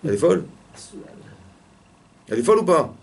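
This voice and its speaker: A man, a rabbi, teaching a lively religious lesson in a classroom and pressing his students with repeated questions. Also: on the high side, fairly quick, gravelly.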